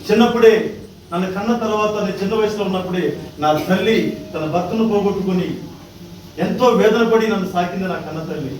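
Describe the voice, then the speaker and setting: A high, rapid-voiced devoted son, as a man acts him out in a church stage drama, emotional and declaiming. He is heard from across a very echoey hall with clear background noise. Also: steady tone, a little mellow, lightly acted. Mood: outraged. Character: devoted son, pleading then outraged. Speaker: church skit actor. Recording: echoey hall from far off, noisy.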